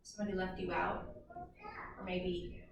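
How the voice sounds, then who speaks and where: A woman teacher leads an interactive read-aloud for young children, prompting them and asking many questions. Her voice is lowish, gravelly, and flat, at a normal pace. The room is very echoey, the mic far off, and there's loud noise.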